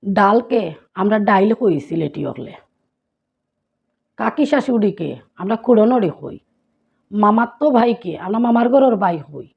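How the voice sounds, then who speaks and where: Sylheti-accented woman vlogging, going through local words one by one, kinda husky, muffled recording. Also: medium pitch, animated, a little slow, pauses often. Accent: Sylheti Bengali. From Sylhet, Bangladesh. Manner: repetitive, listing words and their local forms. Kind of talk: casual vlog teaching dialect words.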